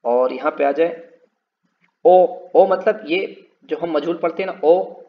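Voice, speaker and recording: Male English teacher, slow and gravelly, drags each word out, dull lo-fi recording. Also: a little high. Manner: repeats words slowly and drawn out, explaining spellings. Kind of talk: spoken English lesson.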